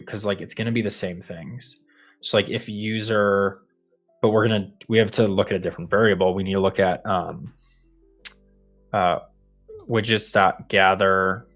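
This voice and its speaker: A man co-hosting a live coding stream, casually talking through the demo he is building as he goes. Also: fairly low pitch. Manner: thinks aloud while building, relaxed and meandering.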